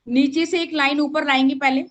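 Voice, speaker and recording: A woman teaching a live online workshop over a video call, naming participants and dictating affirmations slowly for them to write down. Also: sits high, steady tone.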